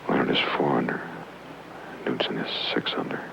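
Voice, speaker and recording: A man giving live golf commentary outdoors in a folksy, conversational way, often hushed near the putt. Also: very deep voice, fairly even intonation, moderate pace, vocal fry, whispered. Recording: dull old broadcast, loud outdoor noise.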